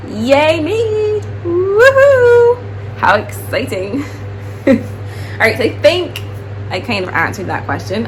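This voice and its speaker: This is a young woman from Barbados, a teacher talking casually to her vlog audience. She rambles in an easy, chatty way with plenty of fillers, in a slightly low voice. The recording has a clear layer of noise behind her.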